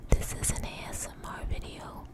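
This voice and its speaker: A woman whispering very close to the mic in an ASMR style, breathy with soft mouth sounds, rambling gently and reassuringly. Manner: slow, unstructured, reassuring. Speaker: ASMR video host.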